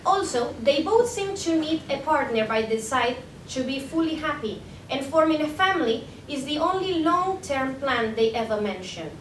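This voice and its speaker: A woman's voice: animated, moderate pace, hardly any pauses. A young woman reads an academic paper aloud at a conference, carefully, with occasional stumbles and self-corrections. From Spain. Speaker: PhD candidate presenting a paper. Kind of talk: academic conference talk, read from a prepared script. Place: indoor room at an academic conference. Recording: echoey room, distant mic, faint rumbling noise.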